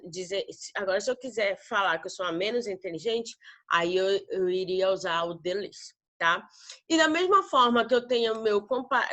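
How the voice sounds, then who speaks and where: A woman's voice: mid-range voice, a bit bright. Brazilian woman teacher recording a grammar class, patient, keeps asking "tá?". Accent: northern Brazilian Portuguese. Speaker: English teacher.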